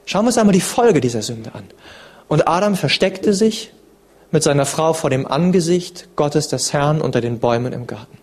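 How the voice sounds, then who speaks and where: A man preaching a sermon in an earnest, dramatic way, swinging between emphatic lines and hushed ones. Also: a little high, animated, normal speed.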